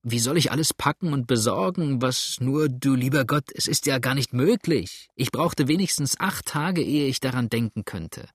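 Frightened young wife, soft and fearful, read by a man, husky tone. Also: mid-range voice, lively intonation, moderate pace, hardly any pauses, no echo, studio quality. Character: anxious devoted young wife.

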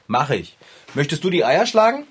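A man's voice: a little high, very animated, moderate pace, breathy edge, heavily acted. A man voicing a friendly, easygoing bicycle mechanic in a cartoon.

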